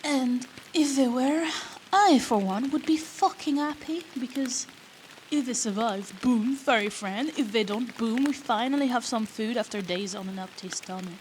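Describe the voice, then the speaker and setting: A woman's voice, on the high side and close to an everyday sound, moves at normal speed as she plays a cheeky, bratty rogue swearing her way through a fantasy audio roleplay. She banters sarcastically at the listener while rain sounds behind her.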